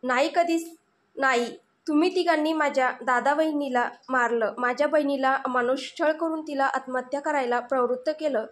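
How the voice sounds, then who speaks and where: A woman's voice: sits high, steady tone, normal speed, lightly acted. A woman voicing a wounded, fierce mother. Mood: fierce defiance. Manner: urgent, gasping, pleading then fierce. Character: wounded defiant mother protecting her daughter.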